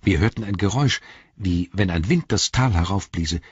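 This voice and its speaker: A man's voice: low-pitched, moderate pace, husky, no room sound, dull audio. A man voicing a young male hobbit recounting events in an audiobook. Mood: storytelling. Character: young male hobbit telling his story.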